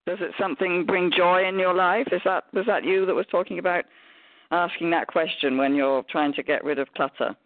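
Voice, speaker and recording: Chatty man on a community call, slightly higher voice, dry and tinny phone sound. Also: steady tone, a little fast, no echo. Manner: rambling, chatty. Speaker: call participant. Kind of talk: casual group call chat.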